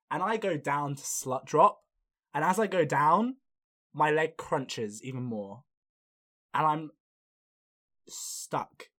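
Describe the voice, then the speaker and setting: A young man hosting a podcast, telling a story in casual chat, animated and swearing freely. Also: a little high. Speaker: podcast host.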